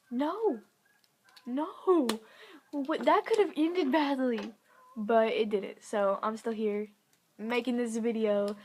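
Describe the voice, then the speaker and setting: A woman's voice: on the high side, darkish tone. Chatty young woman vlogger. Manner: chatty, giggly, lots of "like" fillers. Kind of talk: casual story time.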